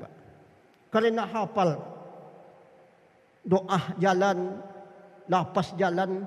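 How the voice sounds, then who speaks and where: A man preaching a Ramadan dawn sermon in a mosque, addressing listeners as "Pak" and chanting Arabic prayer phrases. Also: high-pitched. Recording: long hall reverb.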